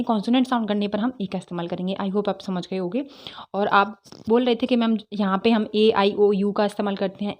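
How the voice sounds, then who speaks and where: A woman's voice: medium pitch, a little mellow. Woman teaching English grammar. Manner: explains step by step with many rhetorical questions and repeated "theek hai". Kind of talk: explaining grammar lesson.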